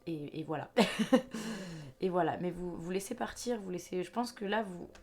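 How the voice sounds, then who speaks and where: A woman's voice: lowish voice, measured pace, darkish tone, breathy edge. A young woman giving a chatty, reassuring intuitive card reading to viewers, with faint music behind her. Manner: chatty, reassuring, restarts and fillers. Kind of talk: casual spoken reading to viewers.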